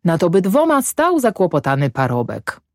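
A woman calmly narrating a classic novel as an audiobook. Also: lowish voice, no echo, clean studio sound. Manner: calm, unhurried reading. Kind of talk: scripted narration.

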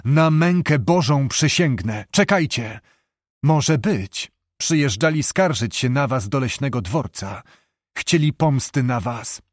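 A man voicing a hot-tempered young knight, speaking forcefully and heatedly. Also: medium pitch, lively intonation, takes it slowly, dry recording, clean studio sound.

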